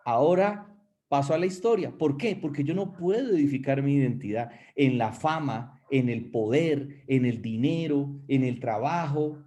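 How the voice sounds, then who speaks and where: A man's voice: medium pitch, lively intonation, measured pace, hardly any pauses, dark tone. A male pastor delivering a sermon with emphatic preaching. He addresses listeners directly and shifts his pace often.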